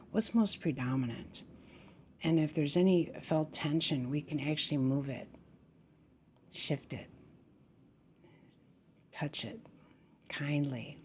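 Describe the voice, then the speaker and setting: A woman guiding a meditation, speaking gently and slowly, with a soft, breathy voice that often drops to a near whisper. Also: low-pitched, a little hiss or hum. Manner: gentle, unhurried, repeats "just". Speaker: meditation teacher. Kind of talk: guided meditation.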